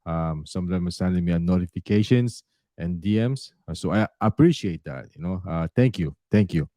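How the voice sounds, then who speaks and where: A man's voice: sits low, fairly quick, dark tone, dry recording. A middle-aged man born in the Philippines, a realtor speaking earnestly and directly to his viewers, with frequent "uh" fillers. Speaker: realtor and YouTuber. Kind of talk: talking to camera.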